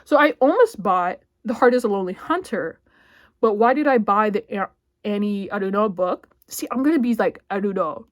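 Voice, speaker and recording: A woman talking casually about books she bought, rambling with lots of filler words and bursts of excitement. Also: mid-range voice, normal speed, no room sound. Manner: chatty and rambling, heavy filler words, sudden squealy outbursts. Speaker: book vlogger.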